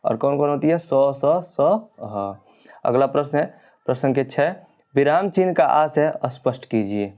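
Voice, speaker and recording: A male teacher with a medium-pitched, expressive, slightly mellow voice moves at a measured pace through exam questions and answers. He explains each point and corrects mistakes in the printed material during this exam-prep lesson.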